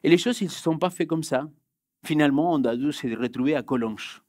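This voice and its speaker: A man's voice: on the high side, fairly quick, no room sound, clean studio sound. Spanish-accented man preaching a sermon. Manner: swings between loud urgent bursts and hushed quiet passages. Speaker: pastor. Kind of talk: sermon with personal story. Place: church hall.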